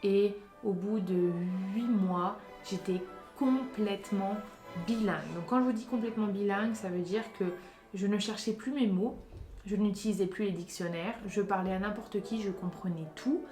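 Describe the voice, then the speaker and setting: A young woman from France talks in a chatty, emphatic vlog style, speaking directly to her audience at a medium pitch. Her voice bounces around a roomy, echoey space. Faint music plays underneath. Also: normal speed, dark tone. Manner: chatty and emphatic, giving advice directly to viewers. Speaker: vlogger. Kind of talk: casual vlog chat.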